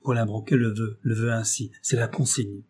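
Dark, husky-voiced male narrator. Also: fairly low pitch, fairly even intonation, moderate pace. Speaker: audiobook narrator. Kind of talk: scripted narration.

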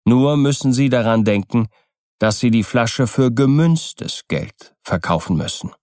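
A man's voice: medium pitch, expressive, darkish tone, no echo, clean studio sound, close to an everyday voice. A man voicing a sly, persuasive older seller in an audiobook reading. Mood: explaining. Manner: smooth, persuasive, measured explaining. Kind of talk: audiobook character voice.

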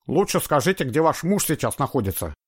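A man's voice: on the high side, sing-song, husky, pitched above the performer's own voice. A man reading a book aloud, voicing a skeptical, blunt police detective. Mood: skeptical, brisk. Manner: quick, doubting, blunt. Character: brisk, skeptical male police detective, middle-aged.

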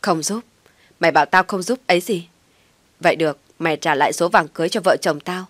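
Storybook role: contemptuous elder brother, woman reader, stern loud scolding, dry sound. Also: lowish voice, brisk, dry recording, close to an everyday voice. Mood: contemptuous anger. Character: angry older brother lecturing his sibling.

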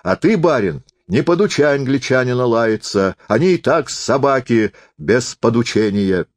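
A man voicing a hot-tempered old foreman who gives gruff, commanding orders to his workers. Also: medium pitch, lively intonation, normal speed, no echo, voice pushed up, lightly acted. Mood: stern.

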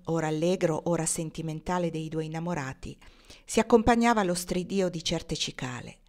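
Calm woman reading a classic novel. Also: fairly low pitch. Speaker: audiobook reader. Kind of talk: literary narration.

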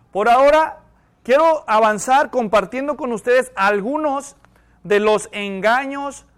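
Pastor, male, high and clear-voiced, preaching a sermon full of rhetorical questions. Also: a bit bright.

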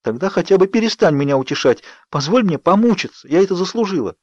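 A man's voice: high voice, lively intonation, fast, no room sound, voice pushed up. A man voicing Bella, a desperate teenage girl who pleads urgently, read for an audiobook. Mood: pleading. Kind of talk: audiobook character reading. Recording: dry, slightly dull studio read.

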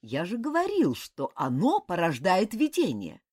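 A woman's voice: fairly low pitch, wildly swooping pitch, a little slow, a little mellow, breathy edge, no echo, clean studio sound, full character voice. A woman reading the lines of a cunning, scheming male former god in an audiobook.

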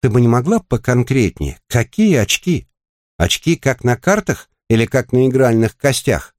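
A man's voice: mid-range voice, very animated, moderate pace, darkish tone, no room sound, studio quality, pitched above the performer's own voice, close to an everyday voice. A man putting on a mocking, crude young courier. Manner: teasing, coarse, needling. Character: brash crude male bike courier, mocking.

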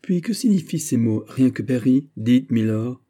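A man's voice: mid-range voice, expressive, unhurried, dark tone, pitched above the performer's own voice. A man reading an audiobook voices a capricious, coquettish young royal princess, speaking in a raised, imperious and peevish way.

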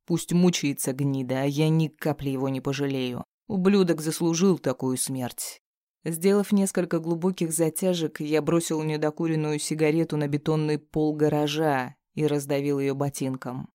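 A man's voice: on the high side, fairly even intonation, normal speed, warm tone, dry recording, clean studio sound. A man narrating a first-person audiobook in a tense, grim manner.

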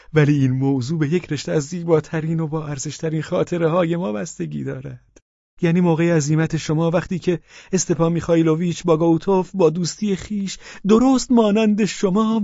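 A man's voice: high voice, creaky, warm tone, dry recording, muffled recording, voice pushed up. A man voicing a fawning, overwrought middle-aged widower in an audiobook, pleading in a raised, emotional voice. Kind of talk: audiobook character reading.

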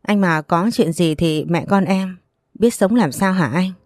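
A woman's voice: fairly low pitch, measured pace, a little mellow, no room sound, studio quality, lightly acted. A woman voicing a distraught aunt who laments and begs for help in a read-aloud story. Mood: pleading. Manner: pleading, lamenting. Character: distraught aunt, wailing and pleading.

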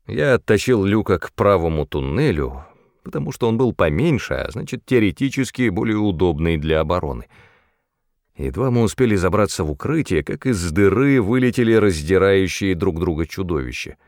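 Male audiobook narrator, first-person fantasy reading, gravelly texture, lively rise and fall, dry close sound. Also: deep voice, moderate pace, no echo.

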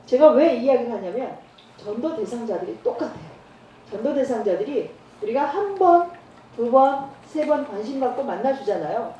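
A woman's voice: fairly high pitch, normal speed, dull audio. A middle-aged woman evangelist telling stories in a church training talk, acting out the dialogue. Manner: storytelling, acts out dialogue with lively voices. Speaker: evangelist preacher. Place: church hall. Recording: roomy church hall, far from mic, faint noise.

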